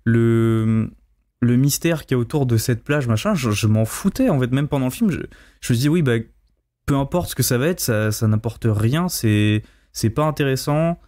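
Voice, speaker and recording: A man's voice: mid-range voice, animated, normal speed, darkish tone, dry recording, studio quality. A man chatting about films in a casual, blunt and dismissive way with colloquial phrasing. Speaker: panelist in a film discussion. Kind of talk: casual film review discussion.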